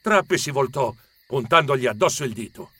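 A man narrating a children's story with expressive storytelling. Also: medium pitch, brisk, slightly rough, no room sound.

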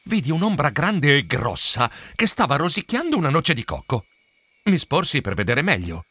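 A man narrating a children's storybook in a theatrical way, with sound effects and drawn-out words. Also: a little high, huge pitch swings, pushed and bright, husky, dry recording. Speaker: storybook reader.

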